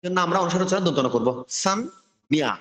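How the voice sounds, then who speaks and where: Guy teaching pronunciation over a video call, slightly high voice, slow and patient. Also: a bit bright. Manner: patient, drills sounds slowly. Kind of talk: online class lesson.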